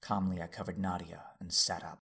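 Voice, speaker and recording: Over heavy background noise, a male actor plays a composed, tender Jedi master, narrating in first person in a formal, measured way with a low, gravelly, husky voice.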